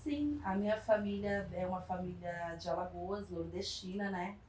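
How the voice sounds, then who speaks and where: A woman in her 40s from São Paulo, Brazil, who works on a community project, tells her life story in an interview in a lowish voice. She is warm and reflective, pausing often, hesitating a little and using tag questions. The room is echoey, the mic distant, with faint background noise.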